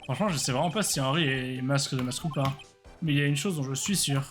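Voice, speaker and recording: A man's voice: medium pitch, fast talker, a bit bright, faint music behind. A tired, worn-out man streaming a video game, rambling casually and joking at his own expense. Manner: tired, rambling, self-deprecating. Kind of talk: casual let's play commentary, reading dialogue aloud.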